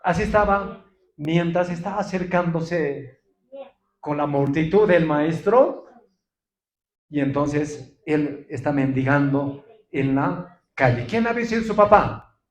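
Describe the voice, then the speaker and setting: A man's voice: on the high side, takes it slowly, pauses often, echoey room. A male pastor preaching a sermon with emphasis, often calling out to his listeners and answering his own questions. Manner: emphatic preaching, often addresses the congregation as brothers; asks questions and answers them himself. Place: church.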